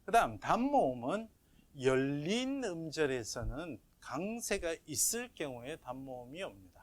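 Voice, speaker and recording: A man's voice: on the high side, sing-song, measured pace. A middle-aged man teaching a grammar lecture online, patient and checking in with his listeners as he explains. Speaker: professor teaching Biblical Hebrew.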